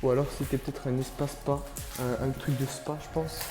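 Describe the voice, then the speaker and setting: With a mid-range, fairly flat voice, the vlogger moves quickly through his running commentary, wandering inside and around a derelict building. He talks to his audience in casual slang, full of wonder, in a roomy-sounding space with music behind him.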